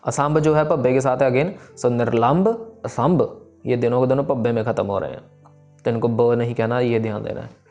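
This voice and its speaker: Man, mid voice, patient recitation teacher, soft music bed. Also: medium pitch, fairly even intonation, lo-fi sound. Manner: patient, repeats words slowly syllable by syllable. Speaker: teacher of scripture pronunciation. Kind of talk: recitation lesson, explaining and chanting slowly.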